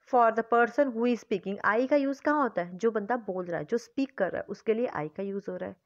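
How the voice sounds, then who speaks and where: A woman teaching English grammar with an Indian accent, explaining slowly in English and then repeating quickly in Hindi with questions to the class. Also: fairly high pitch, dry recording. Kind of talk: bilingual classroom lesson, mixing Hindi and English. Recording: dull, dry lo-fi recording.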